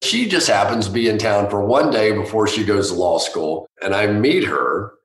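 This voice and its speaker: A man telling anecdotes in an interview, animated and acting out what others said. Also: on the low side, normal speed, reverberant. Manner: animated, acts out others' lines. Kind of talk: anecdotal storytelling.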